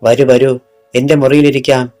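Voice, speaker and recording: A man playing a smooth evasive doctor. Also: medium pitch, flat delivery, normal speed, a little mellow, faint music behind, lightly acted. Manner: polite, smooth denials.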